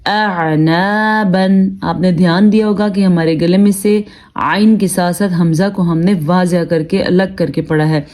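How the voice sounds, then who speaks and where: A woman teacher who spells out syllables and recites them slowly, then explains rules in quick speech. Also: lowish voice, warm tone. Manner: slow drawn-out recitation between brisk explanations. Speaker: Quran reading teacher. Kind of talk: spelling out and reciting letters for learners.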